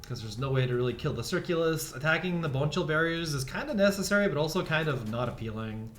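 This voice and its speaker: A man casting a digital card game tournament, calmly explaining plays and rules as they happen. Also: fairly high pitch, fast, soft background music. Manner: explanatory, relaxed, gives rules tips. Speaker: esports caster. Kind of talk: play-by-play commentary.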